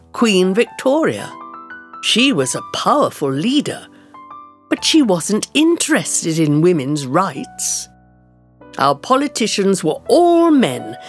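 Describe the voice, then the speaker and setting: A woman voicing a determined old suffrage campaigner. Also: medium pitch. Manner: slow, clear, carefully measured delivery. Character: determined older woman suffrage campaigner recalling her life. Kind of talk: first-person storybook narration for learners.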